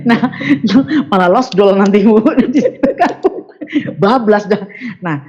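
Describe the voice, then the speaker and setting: A woman tells her own story as an interview guest, acting out the voices of the people she quotes with big jumps in pitch. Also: lively intonation, drawn-out words, mellow, breathy edge, dull audio. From Sundanese region of West Java, Indonesia. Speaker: guest giving a testimony. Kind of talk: animated personal storytelling.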